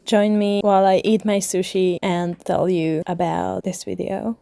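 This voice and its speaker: A young woman from Hungary chatting casually as she narrates her travel and reading vlog, with soft laughs. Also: medium pitch, flat delivery, unhurried, vocal fry, no echo. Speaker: book vlogger. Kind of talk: casual vlog voiceover and diary talk.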